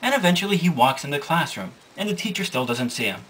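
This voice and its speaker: A man's voice: on the high side, expressive, fast, a bit bright, slight background noise. A young man casually recapping a manga's plot, rambling and correcting himself with amusement, recorded from a distance. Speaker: manga reviewer.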